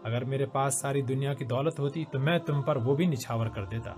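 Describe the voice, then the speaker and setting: A devoted soldier brother, earnest and gentle, as a narrator voices him. He speaks in a measured, soft tone, with quiet music behind. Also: mid-range voice, steady tone, close to an everyday voice. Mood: tender. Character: earnest young soldier, caring older brother.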